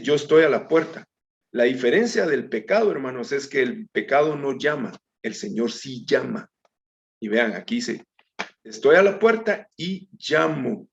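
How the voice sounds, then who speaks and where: Gravelly guy teaching bible study, chatty, calls everyone brethren, muffled lo-fi sound. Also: medium pitch. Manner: conversational, addresses listeners as brethren; reads scripture aloud with small slips. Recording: dull lo-fi recording.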